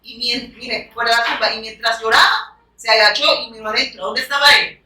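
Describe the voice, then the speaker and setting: Woman preacher, emphatic sermon delivery, bright and fairly high voice, heard from a distance. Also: brisk. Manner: emphatic, keeps urging listeners to look and punctuates with amen. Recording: echoey room, voice picked up from a distance.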